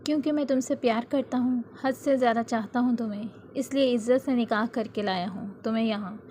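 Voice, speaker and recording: A woman's voice: on the high side, steady tone, warm tone, a little hiss or hum, natural voice. A woman voicing a devoted young husband in a read-aloud romance novel, speaking earnestly and tenderly. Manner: earnest, pleading.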